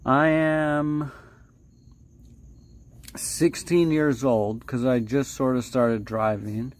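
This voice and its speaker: A livestream host with a middling pitch tells stories casually, rambling haltingly and doubling back on his words. He's playfully dramatic, stretching out phrases and dropping into hushed asides, though his intonation stays fairly even.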